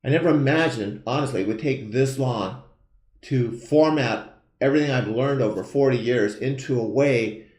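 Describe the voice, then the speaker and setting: Earnest man pitching in an echoey room. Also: darkish tone. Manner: earnest, emphatic, repeats key phrases. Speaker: financial educator hosting a live show. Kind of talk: motivational sales pitch to camera.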